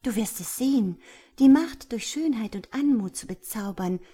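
A woman's voice: a little high, expressive, normal speed, dark tone, husky, voice pushed up. A woman voicing a vain, proud dragonfly guardian spirit with a lofty, self-praising manner, in a storybook reading.

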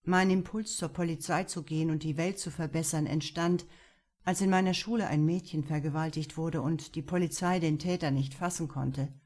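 A woman's voice: low voice, steady tone, moderate pace, a little mellow. A woman reading the lines of a male police officer who is earnest and resigned. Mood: somber. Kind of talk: audiobook dialogue reading.

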